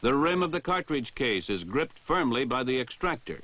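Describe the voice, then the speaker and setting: Reading precise, formal instructions in the manner of a 1960 military training film, an American man enunciates in a measured way with a medium-pitched, very animated voice. The audio has no echo and sounds like a dull 1960 film soundtrack.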